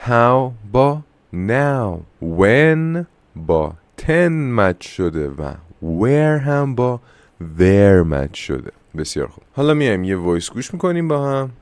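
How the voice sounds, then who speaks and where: A man from Iran with a Persian accent, teaching an English lesson in a casual way. He talks fast and chattily in Persian and slows down to say the English examples with care. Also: fairly low pitch.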